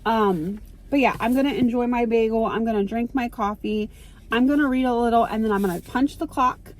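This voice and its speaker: A middle-aged woman vlogging in casual chat from a parked car into her phone, telling stories in a chatty, excitable way. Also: a little high, brisk.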